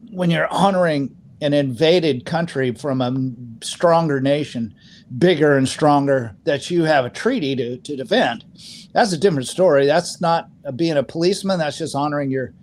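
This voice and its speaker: A man's voice: on the high side, lively intonation, normal speed. A man co-hosting a casual political podcast, talking in an opinionated, rambling way with many fillers and restarts. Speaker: podcast co-host.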